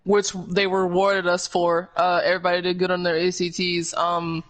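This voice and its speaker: A young gaming streamer chats casually while he plays, swearing often and laughing frequently in a laid-back manner. His voice is high-pitched, monotone, and a bit bright, at a moderate pace.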